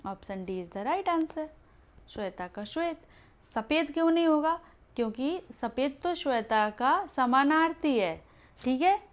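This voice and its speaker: A woman's voice: sits high, expressive, measured pace. A woman teaching Hindi grammar for an exam, explaining each answer step by step and checking in with "ठीक है" after each point.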